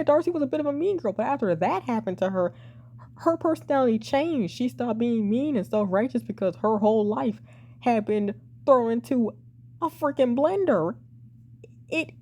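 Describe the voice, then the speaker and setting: A young woman reviewing a TV drama in a blunt, exasperated way, sighing and swearing, her voice a bit hoarse and cracking. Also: mid-range voice, warm tone. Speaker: TV show reviewer. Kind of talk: casual opinionated review.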